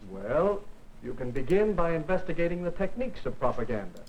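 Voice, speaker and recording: A man speaking in a formal, measured way, explaining a topic in a vintage educational film. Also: fairly high pitch, very animated, low-quality recording.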